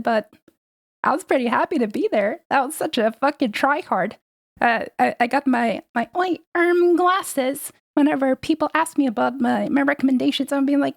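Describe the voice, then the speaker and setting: Young woman, casual stream chatter, rambling and laughing, dry close sound, gravelly edge. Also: high-pitched, dry recording. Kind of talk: casual livestream chat.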